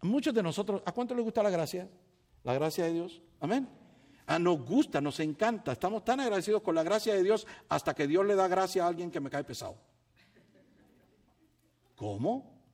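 A man preaching a sermon as a pastor, acting out his church members in quick asides and rising to shouted peaks before dropping to quiet, low remarks. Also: animated. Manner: acts out quoted church members in conversational asides.

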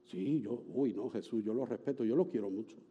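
A man's voice: fairly low pitch, brisk, narrow, tinny audio, voice pushed down, lightly acted. A man putting on the voice of an offhand, lukewarm male churchgoer who mumbles half-hearted replies. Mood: vague.

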